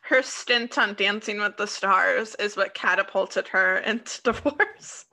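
Bright-voiced woman with an Iowa accent. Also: mid-range voice, unhurried. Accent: Des Moines, Iowa. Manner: playful, teasing deadpan jokes. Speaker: podcast co-host. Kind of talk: casual comedic chat.

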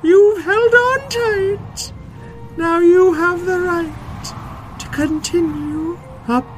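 The mountain wind in a storybook: a stern spirit that roars its words slowly in a high, strained bellow, as if shouting from far off. It speaks with huge force and drawn-out syllables. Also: steady tone, faint music behind, exaggerated voice. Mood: booming stern. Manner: roaring, slow and bellowing.

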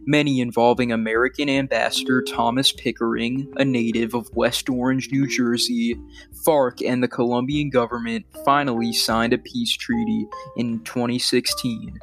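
A man hosting a history podcast, reading a scripted narration in a measured, earnest way. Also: medium pitch, creaky. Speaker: podcast host.

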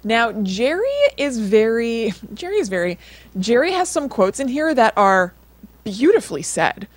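A podcast co-host tells stories in a chatty, informal way, saying "like" constantly. Her voice sits on the high side and is very animated, a little slow, with no echo.

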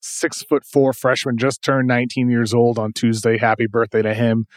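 A man with a light Boston accent hosting a basketball podcast, brisk and upbeat as he steers the talk. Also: mid-range voice, level tone, no echo, studio quality. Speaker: podcast host. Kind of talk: casual basketball chat.

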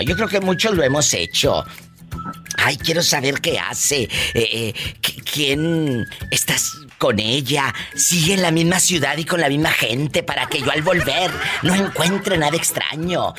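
A man's voice: a little high, sing-song, measured pace, over music. A man with a Mexican accent hosting a radio show, teasing and joking in casual banter. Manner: playful, teasing, exclamatory. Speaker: radio host.

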